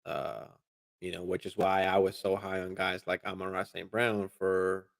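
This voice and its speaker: Laid-back guy with a low gravelly voice, cussing and rambling through viewer questions on a live stream. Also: moderate pace. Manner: relaxed, swears casually, many fillers and restarts. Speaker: fantasy football show host.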